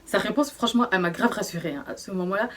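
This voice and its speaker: A young woman telling a personal story in a casual, slangy way, often hushed, with many fillers. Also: medium pitch, quick pace. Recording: voice distant from the mic.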